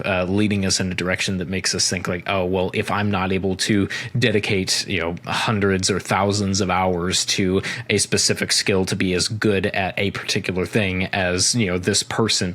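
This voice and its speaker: A man's voice: low voice, fairly bright tone. A man co-hosting a podcast in casual chat, rambling with many filler words. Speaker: podcast co-host.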